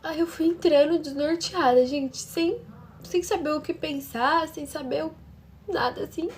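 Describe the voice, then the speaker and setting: Uma mulher brasileira que conta de forma dramática uma história pessoal, falando diretamente com as ouvintes. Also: female voice, high voice, a little slow, slight background noise. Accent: Brazilian Portuguese. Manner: dramatic, talks straight to her listeners. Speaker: storytelling channel host. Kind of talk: emotional first-person storytelling.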